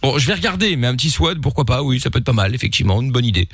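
A man's voice: mid-range voice, big pitch swings, rapid-fire, fairly bright tone, slightly rough, dry recording, studio quality. A man hosting a late-night call-in radio show, joking casually with lots of fillers.

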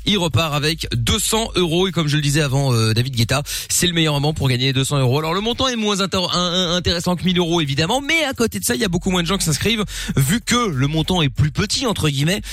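Fast-talking, higher-pitched male radio host. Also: lively intonation, fairly bright tone, no echo, studio quality. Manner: teasing, slangy. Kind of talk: lively casual radio chat. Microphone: close studio microphone.

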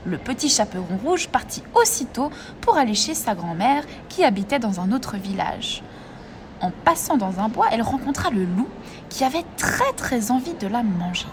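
A woman reading a fairy tale aloud in a measured, expressive storytelling voice. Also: a little high, slight background noise.

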